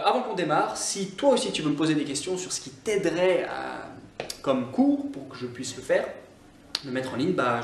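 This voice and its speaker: Scottish male teacher, lesson in French, slightly high voice, roomy echo. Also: slight background noise. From Scotland. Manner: explanatory, stresses example words slowly. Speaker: online English teacher. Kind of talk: French-language English grammar lesson. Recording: echoey room, somewhat far from mic.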